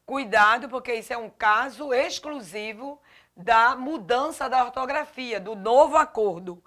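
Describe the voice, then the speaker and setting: Slow, deliberate woman teacher. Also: on the high side, a bit bright. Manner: slow, deliberate, spells out letters and stresses example words. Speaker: Portuguese grammar teacher. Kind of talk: classroom lesson.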